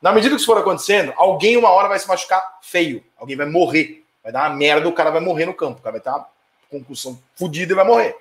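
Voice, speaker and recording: A middle-aged Brazilian man talks fast and fiery on a live stream, swearing freely as he reacts to viewer comments. His voice sits a bit high for a man. The room around him is echoey and bare. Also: lively intonation. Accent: Brazilian Portuguese. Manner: profane, fiery, quick to anger and rant. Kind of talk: casual heated live chat.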